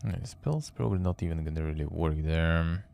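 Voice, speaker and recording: Low-voiced man streaming a game. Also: moderate pace, creaky, a little mellow, slight background noise. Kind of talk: casual game commentary and read-aloud.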